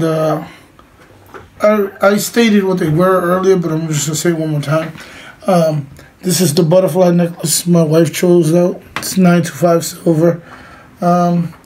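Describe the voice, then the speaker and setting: A middle-aged man with a noticeably high, slightly mellow voice walks through a hands-on demonstration in an informal, plain-spoken way. He is in a small indoor room with a cloth backdrop. A camera across the table captures him in a rough home recording with clear background noise.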